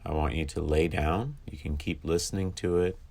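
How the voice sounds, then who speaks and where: Guiding a meditation for those who can't sleep, a man speaks in a remarkably low, deep voice that's also gravelly and husky. He's calm and instructive, leaving long silent pauses between his phrases.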